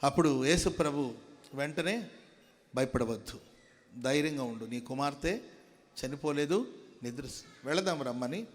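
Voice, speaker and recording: A male pastor from India preaching a sermon, moving between calm storytelling and loud, rising exhortation. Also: on the high side, normal speed, long pauses. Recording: long hall reverb.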